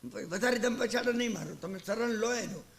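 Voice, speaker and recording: A man's voice: high-pitched, brisk, creaky, roomy sound. A man preaching a sermon, telling a story and acting out its characters. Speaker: Jain preacher.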